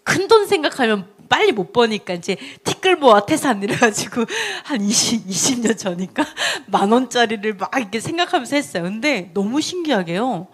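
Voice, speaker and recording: A woman's voice: a little high, expressive, a little fast, hardly any pauses, breathy edge. A woman preaching a sermon in a chatty storytelling way, laughing often and asking her listeners questions. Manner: asks the audience questions.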